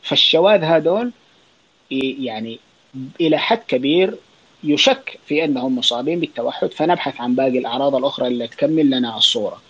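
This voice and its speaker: A man with a Saudi accent, a child psychiatrist, answering listener questions in a relaxed spoken Q&A, explaining with fillers and quick restarts. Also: medium pitch, husky, lo-fi sound. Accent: Saudi Arabic. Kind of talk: casual spoken Q&A on an online audio space.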